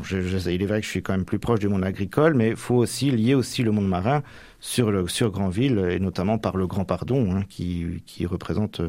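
Young man from Normandy, lowish voice, dry close sound; hesitant interviewee with lots of fillers. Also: a little mellow, no room sound. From Normandy, France. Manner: hesitant, many fillers and restarts. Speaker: seminarian about to be ordained priest. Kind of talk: radio interview.

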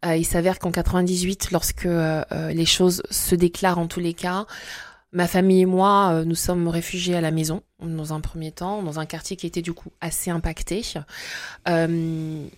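A woman raised in Congo-Brazzaville, telling her faith testimony as an interview guest, hesitant with many pauses and fillers. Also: on the low side, little pitch movement, no echo, studio quality.

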